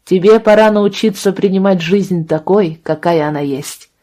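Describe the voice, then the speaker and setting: A woman's voice: mid-range voice, moderate pace, mellow, lightly acted. A woman voicing a stern, estranged middle-aged father who speaks coldly and curtly, in an audiobook. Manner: cold and curt.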